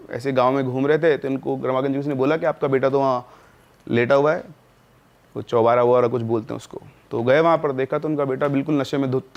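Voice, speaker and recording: Male storyteller, casual spoken horror tale, chatty and unpolished, mid pitch. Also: muffled recording. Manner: conversational, with filler sounds and self-corrections.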